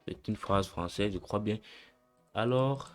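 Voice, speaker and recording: A young man hosting a casual coding tutorial, relaxed and slangy, talking through each step aloud and correcting himself as he goes. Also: fairly low pitch, a little slow, soft background music.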